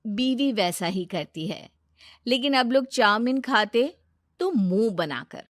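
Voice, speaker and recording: Woman, story narrator, scripted delivery, fairly high voice, dry close recording. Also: lively intonation, takes it slowly, no echo.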